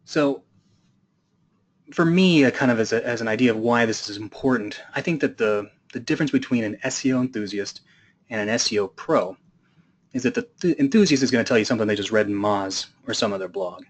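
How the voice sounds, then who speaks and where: A man's voice: medium pitch, fairly quick, slight background noise. A man giving a conference talk, telling a humorous story in a casual way with loose fillers. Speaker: conference speaker. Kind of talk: storytelling presentation.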